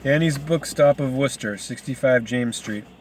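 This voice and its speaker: A man's voice: mid-range voice, moderate pace, darkish tone, slight background noise. A man casually reading a book aloud, rambling into asides and stumbling over hard names. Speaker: reader.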